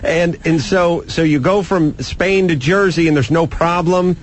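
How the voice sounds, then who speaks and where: A man's voice: fairly high pitch, unhurried, slight background noise. A man hosting a talk show, riffing jokes and spinning outlandish schemes with his guest. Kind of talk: comedic talk show banter.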